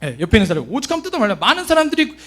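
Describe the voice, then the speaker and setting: A man preaching a sermon as a junior pastor, animated, asking his listeners questions and answering them himself. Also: extremely high pitch, racing. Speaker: junior pastor of a children's department.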